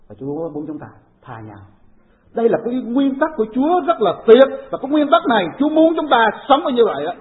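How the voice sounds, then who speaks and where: A woman delivers a sermon, telling stories with animation and putting rhetorical questions to her listeners. The sound is narrow and tinny, like a phone line. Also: mid-range voice. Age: 40s. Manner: animated storytelling preaching with rhetorical questions to the congregation. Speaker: preacher.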